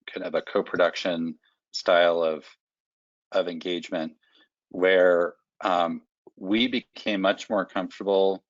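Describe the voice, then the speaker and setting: A man answering as a panelist on a webinar, speaking in a halting way with many pauses and restarts. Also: low voice, no echo. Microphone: video call. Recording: dull lo-fi video call audio.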